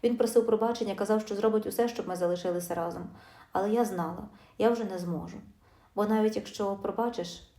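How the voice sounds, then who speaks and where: A middle-aged woman tells her own life story in a brisk, confiding, emotional way. Her voice is mellow and quick. The recording carries a roomy echo. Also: medium pitch. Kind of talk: first-person life story narration.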